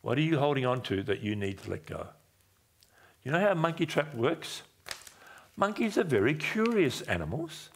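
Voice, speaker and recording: A man in his sixties, a pastor, seated on a dim church stage with a headset mic, telling a personal story in a conversational sermon and often dropping his voice low for emphasis. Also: normal speed, creaky, husky. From Australia. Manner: conversational, animated gestures, drops low for emphasis.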